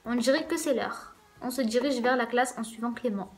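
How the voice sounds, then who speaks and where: Hosting a let's play, a woman with a fairly high voice reads a visual novel's first-person narration aloud at a moderate pace. She keeps it casual and drops in wry asides.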